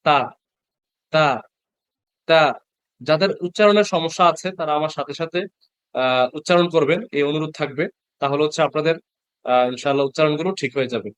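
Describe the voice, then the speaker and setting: Teaching Quran reading in an online class over a video call, a fast-talking man with a slightly high, clear and resonant voice patiently sounds out each Arabic letter and says it again for learners. The recording is dry.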